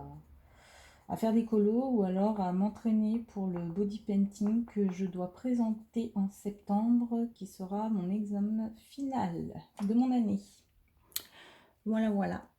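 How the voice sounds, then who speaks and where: Soft-spoken hesitant woman, thirty. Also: medium pitch. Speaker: coloring vlogger. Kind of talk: casual chat while coloring. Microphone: phone camera right beside her head. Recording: roomy echo.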